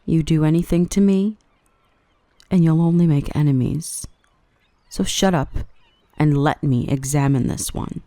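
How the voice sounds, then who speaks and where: A woman plays a dominant but protective dark elf mistress in an ASMR roleplay, her low, slightly slow voice recorded with no echo. The mood is stern and menacing: she's cutting and harsh toward traders, yet tender and coaxing with the human she rescued.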